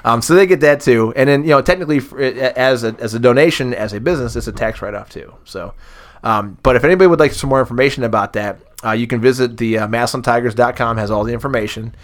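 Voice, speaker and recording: A man, a former booster club president, chatting on a podcast and telling lively anecdotes. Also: medium pitch, fast. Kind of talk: casual podcast storytelling.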